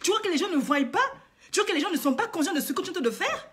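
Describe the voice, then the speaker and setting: Brief: woman vlogger with a high voice, indignant, lectures her viewers through repeated rhetorical questions. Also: lively intonation, rapid-fire. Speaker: online coach and vlogger. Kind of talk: impassioned moralizing monologue to viewers.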